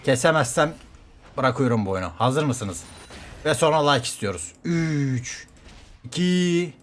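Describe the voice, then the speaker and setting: A man streaming a game, talking fast to viewers and teammates, swearing casually and getting excited by turns. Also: medium pitch, a little hiss or hum. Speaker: gaming streamer. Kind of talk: live gameplay commentary.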